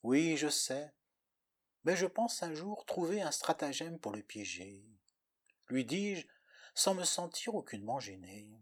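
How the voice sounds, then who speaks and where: A man's voice: fairly high pitch, lively intonation, unhurried. A man narrating a poetic story in the first person with a dramatic, lyrical delivery.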